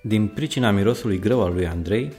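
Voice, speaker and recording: A man with a fairly low voice reads a children's story aloud, lively and expressive. Faint music plays quietly under his narration.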